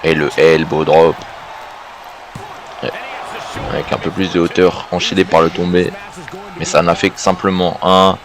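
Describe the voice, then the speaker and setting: Deep male voice, wrestling commentator, short move calls, faint background noise. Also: little pitch movement, a little slow, long pauses, a crowd in the background. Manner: short interjections naming moves. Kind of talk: wrestling commentary of a video game match.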